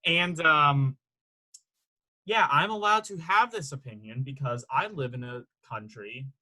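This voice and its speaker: A man's voice: fairly high pitch, measured pace, sharp tone, rough recording. A young man co-hosting a casual music review chat, rambling a little and hedging his takes with "in my opinion.". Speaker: podcast co-host.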